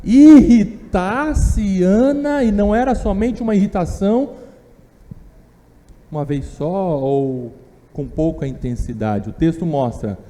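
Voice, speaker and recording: A man's voice: a little high, mellow, big-room sound. A man with a Brazilian Portuguese accent teaching a Sunday Bible class, emphatic, repeating key phrases and asking the class rhetorical questions. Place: church hall.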